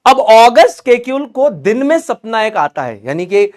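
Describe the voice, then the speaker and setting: High-voiced man teaching a lively class. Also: a little slow. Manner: chatty, joking, switches between teaching and banter. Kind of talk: online class lecture.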